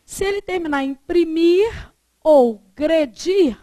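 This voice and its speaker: A Brazilian woman teaching a classroom grammar lecture, constantly checking whether the students follow with quick tag questions. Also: very high voice, expressive, mellow, no echo.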